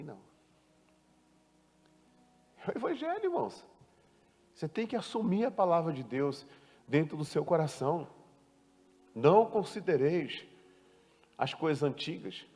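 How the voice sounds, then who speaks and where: A man pastor preaching a sermon, emphatic and full of rhetorical questions, swinging from loud to hushed. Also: on the high side, in a large hall. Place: church.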